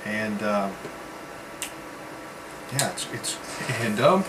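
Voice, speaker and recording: Halting man reviewing products over background hum. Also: lowish voice. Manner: rambling, halting delivery with pauses as he tastes. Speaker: vape reviewer. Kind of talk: casual product review vlog. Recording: steady background hum, like air conditioning.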